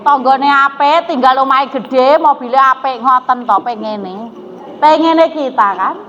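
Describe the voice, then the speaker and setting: A woman's voice: sits high, measured pace, fairly bright tone. A woman with a Javanese accent giving a religious lecture to women, telling stories and asking the audience questions. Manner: storytelling, asks the audience questions, mixes in Javanese. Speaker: preacher. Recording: dull echoey hall recording with faint noise.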